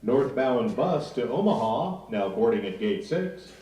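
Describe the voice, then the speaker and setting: A man playing a bus station announcer heard over the intercom, calling out departures in a slow, drawn-out way. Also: mid-range voice, sing-song, mellow. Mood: announcing. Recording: echoey distant PA speaker, faint music.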